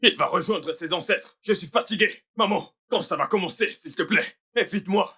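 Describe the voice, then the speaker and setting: A man voices a boastful young fashion designer in a dubbed film drama, his husky, high voice ringing bright. He rants and threatens with wounded pride. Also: normal speed, heavily acted. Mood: furious. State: bleeding from the mouth after a beating. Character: vain hot-tempered young male fashion designer. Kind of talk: French dub of a film.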